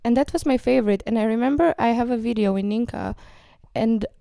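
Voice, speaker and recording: A woman's voice: fairly high pitch, a little fast, gravelly, mellow, smooth, no room sound. Young woman, sick froggy voice, chatty and giggly, dry close mic. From Romania. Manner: chatty, filler-heavy, laughing often. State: recovering from a cold, sick voice. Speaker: podcast co-host. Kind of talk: casual chat.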